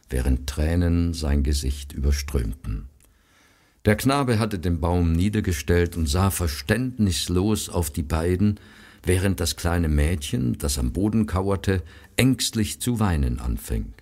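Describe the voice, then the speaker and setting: A man reading a story aloud in a measured, solemn way. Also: sits low, darkish tone. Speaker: narrator.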